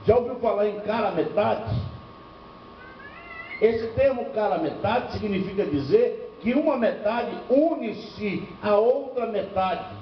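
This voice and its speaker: Older pastor, echoey hall. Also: male voice, sits high, lively intonation, slow, slight background noise. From Bahia, northeastern Brazil. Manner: storytelling with rhetorical questions and humor. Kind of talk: church seminar preaching. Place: church hall. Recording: echoey lo-fi church recording from far off.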